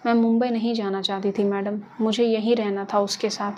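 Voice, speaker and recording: A woman's voice: medium pitch, level tone, a little fast, warm tone, highs cut off, slight background noise, natural voice. A woman voicing a frightened young woman who speaks in a shaky, pleading way. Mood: tearful. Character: frightened, tearful young woman murder suspect.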